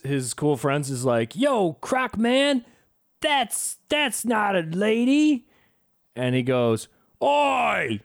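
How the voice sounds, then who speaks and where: A man's voice: medium pitch, smooth, no room sound, clean studio sound. A man in a podcast chat, retelling film scenes with laughter, acting out lines from the film as he goes. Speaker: podcast co-host. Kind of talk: casual film-review chat.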